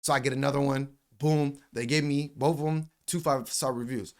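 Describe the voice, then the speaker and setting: A man's voice: mid-range voice, a little fast. A man in his late twenties, a vlogger telling a story in a loose, slangy way with lots of fillers and some swearing. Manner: animated retelling with voiced quotes. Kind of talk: casual storytelling.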